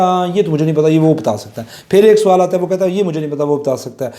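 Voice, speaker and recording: A middle-aged law lecturer with a Pakistani accent and a high, dark-toned voice delivers an informal, conversational lecture, using everyday examples and slipping in English legal terms.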